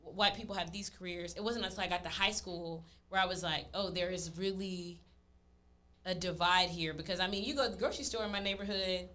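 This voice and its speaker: A woman's voice: on the low side, fairly even intonation, brisk, pushed and bright. A woman from Texas, co-hosting a casual podcast chat and talking freely with laughing asides. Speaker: podcast co-host.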